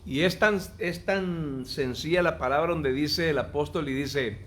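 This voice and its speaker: Hombre titubeante de voz aguda. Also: male voice, on the high side, a bit bright, slight background noise. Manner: halting, repeats words as he searches for them. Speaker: participant in a Bible lesson. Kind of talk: Bible study discussion.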